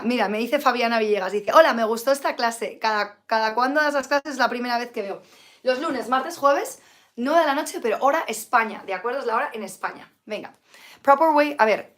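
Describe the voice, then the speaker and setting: Hoarse woman teaching English. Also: fairly high pitch, fairly bright tone. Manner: chatty, mixes Spanish and English, reads out viewer comments. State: sick with flu, tired. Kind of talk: live-streamed English lesson.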